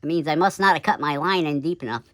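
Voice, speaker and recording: Sped up to double speed so he sounds like a chipmunk, a man demonstrating woodcarving step by step chats casually, throwing in folksy "oop" and "yep." The dry recording catches a fast, somewhat bright voice on the high side.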